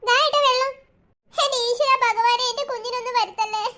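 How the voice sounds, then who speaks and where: Anxious cartoon mum, pleading, quick and very high, played by a voice actor. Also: steady tone, sharp tone. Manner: fussing, pleading. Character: fretful cartoon mother, anxious and fussing. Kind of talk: cartoon voice acting.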